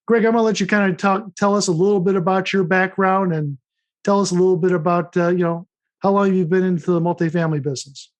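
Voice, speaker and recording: Male podcast host, notably high voice, conversational interviewing style. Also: fairly even intonation, quick pace.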